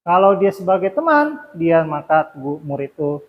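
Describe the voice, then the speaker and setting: A man's voice: fairly high pitch, very animated, moderate pace, lo-fi sound. A man talking fellow teachers through a lesson in an informal, explanatory way, repeating points with fillers and self-corrections.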